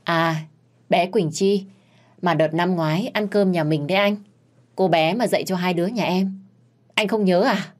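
A woman's voice: on the low side, moderate pace, close to an everyday voice. Woman reading as an indignant, protective aunt. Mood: earnest. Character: caring aunt, a woman protective of her niece.

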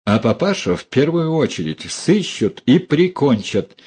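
A man's voice: mid-range voice, sing-song, measured pace, darkish tone, husky, pitched above the performer's own voice. A man voicing a furious, defiant young woman who hurls scornful accusations at her relatives.

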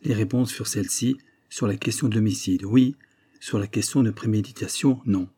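A man reading a classic novel aloud in measured, even scripted narration. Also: lowish voice, breathy edge. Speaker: audiobook reader.

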